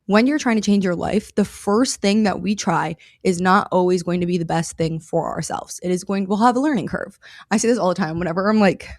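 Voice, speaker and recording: A woman's voice: on the low side, brisk, no echo, clean studio sound. A woman hosting her own podcast, talking casually and upbeat as she teaches, repeating phrases for emphasis. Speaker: podcast host. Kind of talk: casual instructional podcast talk.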